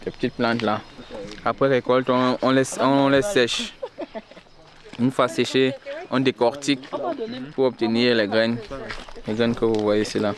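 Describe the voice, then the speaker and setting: Un homme qui explique patiemment les cultures dans des champs, en plein air. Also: male voice, mid-range voice, little pitch movement, a little slow, pauses often, crowd noise. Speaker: local guide. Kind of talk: casual explaining outdoors. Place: rural fields outdoors.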